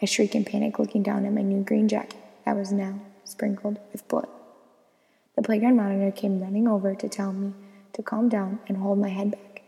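A young woman narrating a scripted personal story in an expressive, storytelling way. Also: mid-range voice, normal speed, creaky, long reverb tail, low-quality recording. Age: young adult.

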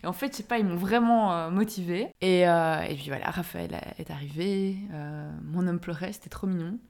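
Animated Belgian woman telling a story. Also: on the low side, moderate pace, vocal fry. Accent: Belgian French. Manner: animated storytelling, laughs often. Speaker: podcast guest. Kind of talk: casual chat.

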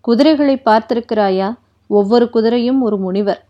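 A woman's voice: on the high side, normal speed, natural voice. A woman voicing a mischievous, joking young palace maid who teases playfully, in a dull lo-fi recording. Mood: teasing. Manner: teasing, playful.

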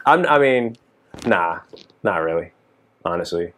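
On a casual podcast, a Dallas-born keyboard player in his 30s who tours for a living talks at a measured pace with a low-pitched voice. His manner is laid-back and meandering, peppered with "you know" and other fillers.

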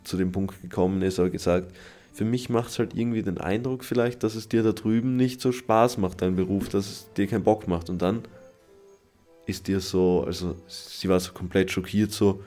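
A young man with a fairly low voice tells a personal story on his podcast. He rambles and restarts as he speaks, downcast and troubled. Faint music runs quietly under his voice. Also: fairly even intonation, normal speed. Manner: rambling, confessional, many fillers and restarts. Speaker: podcast host.

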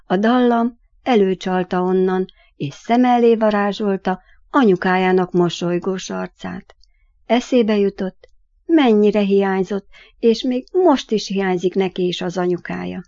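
A woman, the author, narrating her own children's story in an expressive, measured way. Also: mid-range voice, muffled recording.

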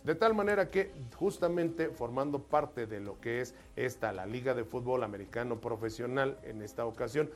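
Joking Mexican talk-show co-host. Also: male voice, mid-range voice, animated, normal speed, hardly any pauses, faint music behind. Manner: jokey storyteller, acts out voices in jokes. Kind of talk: live talk show chat.

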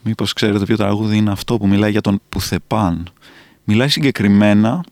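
A man's voice: on the low side, a little mellow, no room sound, studio quality. Playful man hosting a quiz podcast. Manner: playful, chuckling quizmaster. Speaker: quiz host. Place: recording studio.

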